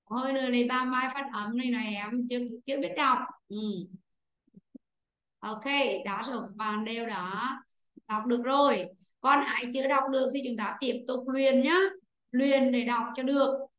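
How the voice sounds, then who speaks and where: A woman teaching an online class, her voice high and bright. She explains patiently and goes over each point again. The sound is roomy and echoing. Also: steady tone. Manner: explains slowly, repeats points to students. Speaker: English teacher. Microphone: computer microphone on a video call.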